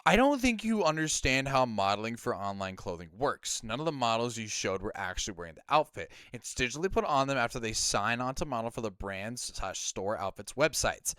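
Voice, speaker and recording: A man with a Midwestern American accent chats casually on a stream, reading out viewer comments. His voice is smooth and clean. The sound is dry and close, with no room around it. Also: medium pitch, no echo. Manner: talks fast, trails off quietly, reads out comments. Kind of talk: casual chat.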